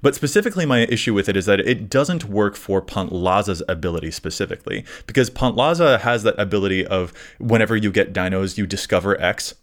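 A lower-voiced man co-hosting a casual chat podcast, explaining game rules in detail. He sounds animated and laughs easily, with plenty of energy in his explanations. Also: a little fast, few pauses. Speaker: podcast co-host.

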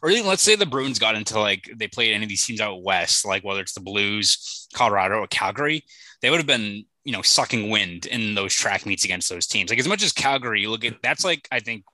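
A man with a Boston accent hosting a casual sports podcast, talking quickly and often using "like" and "right?". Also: on the low side, animated, sharp tone, no echo, low-quality recording. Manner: fast, filler-heavy, uses "like" and "right?" often. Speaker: podcast host.

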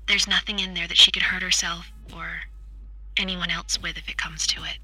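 A young woman plays a scared teenage daughter talking low and haltingly over the phone. Her voice is bright and breathy, with a husky edge. The sound is close and dry. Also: flat delivery, no room sound, faint music behind, poor audio. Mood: worried. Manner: hushed, anxious, halting. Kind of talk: audio drama acting.

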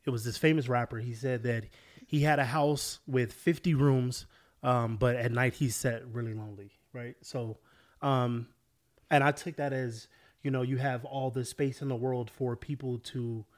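A man's voice: medium pitch, steady tone, unhurried. A man talks casually on a podcast with blocked sinuses. His voice is nasal, as if someone were pinching his nose, and he hedges with plenty of "you know". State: congested sinuses. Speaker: podcast guest.

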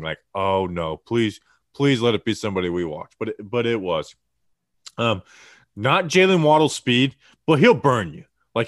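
A man co-hosting a casual sports podcast, talking fast and excitedly with lots of fillers and restarts. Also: mid-range voice, no room sound, studio quality. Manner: excited, rambling with many fillers. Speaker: podcast co-host. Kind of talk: casual sports analysis chat.

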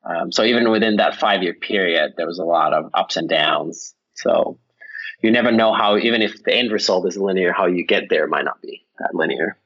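A Finnish company founder, whose first language is Finnish, answers as a guest in a casual interview, rambling a little with many fillers and restarts. His deep voice has a fairly bright tone at a moderate pace, on a lo-fi recording.

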